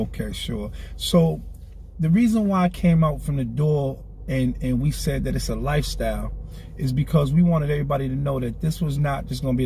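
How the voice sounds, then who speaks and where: Gravelly and dark in tone, this man's mid-range voice carries a little hiss or hum. He's in his forties, a clothing brand founder appearing as a guest in a candid car interview, speaking earnestly and streetwise with frequent repetition.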